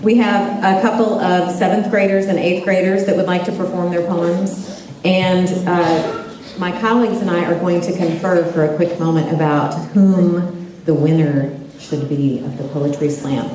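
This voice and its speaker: Female event host, informal announcer delivery; heavily reverberant, distant pickup with clear noise. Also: lowish voice, fairly even intonation, normal speed, dark tone. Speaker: poetry slam host and judge. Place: large reverberant room at a live event. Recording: very echoey room, distant mic, clear noise.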